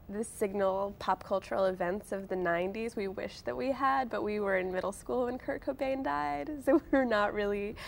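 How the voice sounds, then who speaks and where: A late-twenties woman, an author and blogger, is a casual interview guest with a wry, self-deprecating, chatty manner. Her mid-range voice carries vocal fry, and a little hiss or hum sits under the recording.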